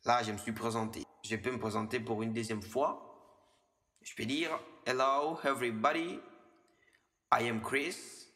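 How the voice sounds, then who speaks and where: A man's voice: mid-range voice, steady tone, sharp tone. Man teaching in echoey room. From DR Congo. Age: 20s. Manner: slows down and repeats the English example phrases. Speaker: English teacher. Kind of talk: language lesson explained in French. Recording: long reverb, echoey room.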